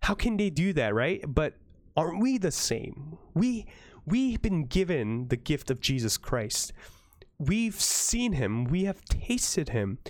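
Excitable man leading a Bible reading. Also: a little high, takes it slowly, no echo, studio quality. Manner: earnest, excitable, with self-corrections and asides. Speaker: Bible study leader reading to a live audience. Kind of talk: Bible reading with informal commentary.

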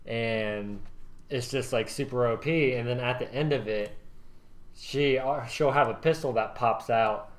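A man's voice: mid-range voice, unhurried. Rambling man co-hosting a podcast. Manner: rambling, hesitant explaining. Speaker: podcast co-host. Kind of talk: casual chat.

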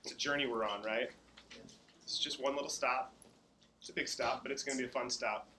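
A man's voice: medium pitch, steady tone, a little fast, pushed and bright, a little hiss or hum, low-quality recording. A man on a theater staff leading students in affirmations and giving an upbeat, encouraging pep talk.

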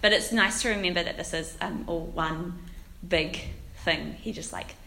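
A woman in her twenties with a croaky voice from a cold, starting phrases with a creak as she gives an informal church talk. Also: fairly low pitch, normal speed, bright, forceful tone. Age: 20s. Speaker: guest speaker at a church. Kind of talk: informal sermon with scripture reading. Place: echoing church room, handheld microphone. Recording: roomy echo with faint noise.

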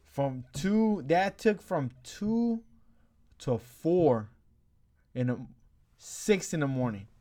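A man's voice: on the high side, lively intonation, slow pace, long pauses, mellow. A young man telling a long story in casual chat, slangy and rambling, laughing as he goes. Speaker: storyteller among friends.

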